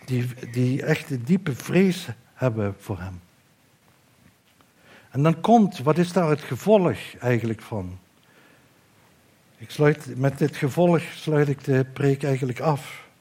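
A man preaching a sermon, reading scripture aloud and slowing down to lift his voice for emphasis. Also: medium pitch, expressive, warm tone, slightly rough. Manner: earnest, slows and lifts his voice for emphasis.

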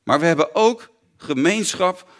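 A man's voice: high-pitched, lively intonation, a little slow, a bit bright. A man preaching a sermon, earnest and repeating phrases for emphasis.

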